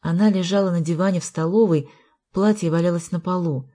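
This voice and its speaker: An audiobook narrator with a lowish female voice reads a novel aloud. Her scripted narration is even and measured.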